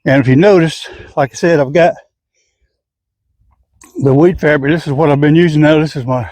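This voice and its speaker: An older man talks through garden chores in a folksy, plain-spoken way, one step at a time. His voice sits a little high for a man. It is captured outdoors on a camera mic, with a dry sound and no room echo. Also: steady tone, normal speed, darkish tone. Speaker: home gardener. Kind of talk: casual how-to garden vlog.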